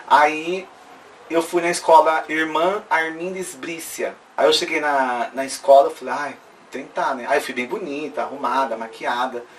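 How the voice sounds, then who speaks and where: A woman's voice: low-pitched, steady tone, normal speed, a little hiss or hum. Earnest São woman telling her story. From Brazil. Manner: earnest and emotional, full of tag questions. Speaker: interviewee. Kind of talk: personal life story told in an interview. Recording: distant mic with faint room ambience.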